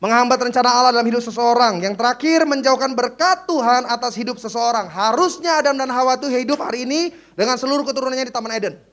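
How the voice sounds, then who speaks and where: A man's voice: very high-pitched, fast, fairly bright tone. A middle-aged man from Jakarta preaching a sermon, telling funny stories, mimicking other people's voices and laughing often. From Jakarta, Indonesia. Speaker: pastor.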